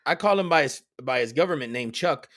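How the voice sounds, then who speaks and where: A man's voice: on the high side, expressive, brisk, a bit bright. A man streamer from San Antonio, Texas, rambling through absurd jokes in casual live stream chat with a straight delivery.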